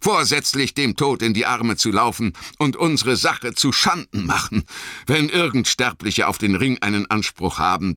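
Male reader doing a fierce, desperate grown warrior, storybook reading, bright and dry. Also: medium pitch, no echo, voice pushed up. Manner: pleading then raging, fierce outbursts. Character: proud desperate warrior man, grown tall and strong.

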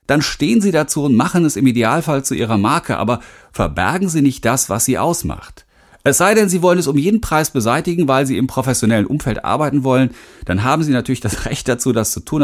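Speaking to the listener directly, a middle-aged Rhineland man, a speaking coach from western Germany, narrates his self-help audiobook with candor and emphasis. His voice is mid-range.

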